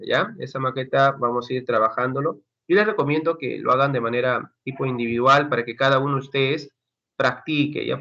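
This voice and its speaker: A man's voice: mid-range voice, pushed and bright. A man teaching a university class online, talking through his course materials in a chatty way with many fillers. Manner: conversational, addresses students as chicos, many fillers. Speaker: university lecturer. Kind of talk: online class over video call. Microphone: computer mic on a video call. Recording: dull lo-fi call audio.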